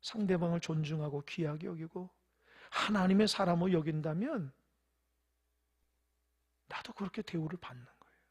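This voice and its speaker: A pastor preaching a sermon in church, shifting between loud, emphatic stresses and soft near-whispers, and asking the congregation questions. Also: medium pitch, moderate pace, long pauses, breathy edge. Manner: tells parables, asks the congregation questions.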